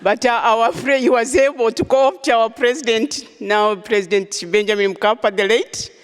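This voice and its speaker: A woman's voice: fairly high pitch, fairly even intonation, normal speed, smooth. A woman speaking as an ambassador on a panel, gracious and good-humoured. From Tanzania. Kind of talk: panel discussion remarks. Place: large concert hall stage, live event. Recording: long reverb of a large hall.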